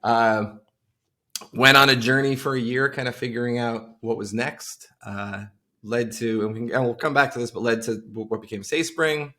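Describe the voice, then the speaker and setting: A man in his forties from Long Island, New York, is a guest on a podcast over a video call, rambling in a casual interview chat with many fillers and restarts. His voice is medium-pitched, bright, and forceful, at a moderate pace.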